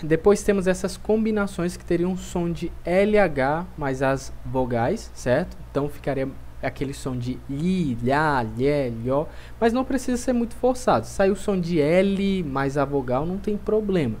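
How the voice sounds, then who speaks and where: A man with a Brazilian Portuguese accent teaching a pronunciation lesson, speaking clearly and repeating each word slowly for drilling. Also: on the high side, expressive, darkish tone, a little hiss or hum. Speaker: language teacher.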